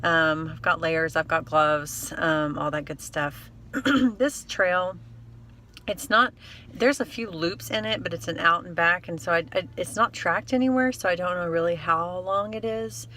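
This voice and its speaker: Bright-voiced woman vlogging casually, faint noise behind. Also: lowish voice, a little slow. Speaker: trail running vlogger. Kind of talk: casual vlog chat to camera.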